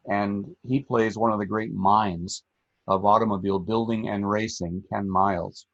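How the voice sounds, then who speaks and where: A middle-aged man co-hosting a film podcast, telling stories in a measured, reflective way. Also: fairly low pitch, no echo. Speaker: podcast co-host, film critic. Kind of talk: casual film talk. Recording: dull lo-fi sound.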